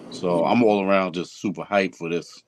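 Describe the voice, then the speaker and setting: Man, very low voice, earnest, measured, panelist, casual chat. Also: steady tone, a little hiss or hum.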